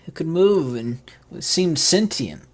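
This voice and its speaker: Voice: mid-range voice, animated, slow pace. A tabletop game player speaking casually in character.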